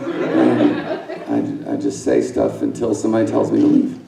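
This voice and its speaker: A man's voice: rumbling low, very animated, measured pace, creaky, reverberant, distant mic, a crowd in the background, rough recording. A middle-aged man from Alabama doing a loose, improvised stand-up set, profane and self-mocking, rambling with fillers and side remarks. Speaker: stand-up comedian. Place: conference center room with a live audience.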